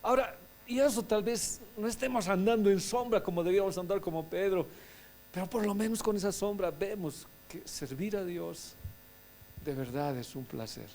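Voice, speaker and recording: A man, a pastor, preaching a sermon, swinging between soft asides and loud exclamations. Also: high-pitched, moderate pace.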